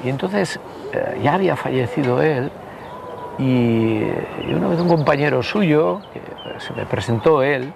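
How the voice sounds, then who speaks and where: Speaking as a guest in an interview, this Basque man in his sixties, a political party member, tells casual anecdotes in Basque-accented Spanish. His medium-pitched voice is expressive and creaky, and he rambles, hesitates, and keeps adding tag questions over a noisy background.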